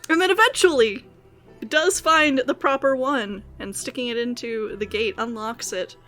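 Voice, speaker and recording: A woman's voice: a little high, normal speed, fairly bright tone, soft background music. Brief: a woman running a tabletop game, vivid narration, light and playful. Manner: descriptive and playful, laughs often. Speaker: game master.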